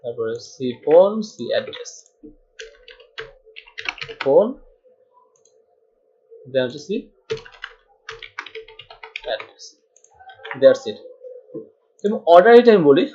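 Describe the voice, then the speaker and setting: Speaking slowly and pausing often, a Bangladeshi programming tutor thinks aloud while typing in a screen-recorded tutorial, mixing in English terms. His mellow voice is on the high side with big pitch swings, and the recording sounds dull and lo-fi.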